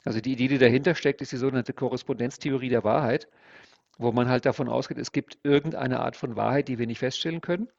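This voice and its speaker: A man's voice: mid-range voice, fairly even intonation, fast, gravelly, a little mellow. A man who works as an NLP trainer, explaining his ideas step by step in an interview. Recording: dull lo-fi sound.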